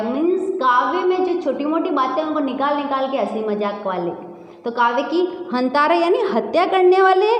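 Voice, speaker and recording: A woman's voice: sits high, echoey room, in a large hall. A woman teacher giving a classroom lesson to children, repeating key words and quizzing the class.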